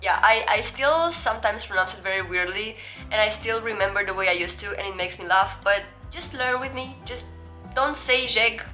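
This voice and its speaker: This Romanian-accented video host, a young woman from Romania, delivers a relaxed, self-mocking language lesson with faint music behind her. Her mid-range voice is pushed and bright. She pauses her explanations to pronounce foreign words slowly as examples.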